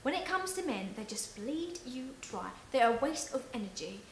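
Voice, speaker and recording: A woman's voice: sits high, sing-song, normal speed. A woman playing a posh, self-important fashion designer who talks down to everyone. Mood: haughty. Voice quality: posh, condescending, says darling. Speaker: sketch character. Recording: roomy echo, faint noise.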